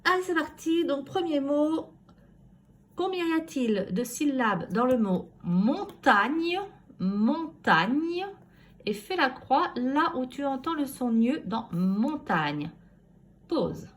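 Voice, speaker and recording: A schoolteacher working from her home, giving a phonics lesson to young children and sounding out each syllable slowly and carefully. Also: high voice, expressive. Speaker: primary school teacher.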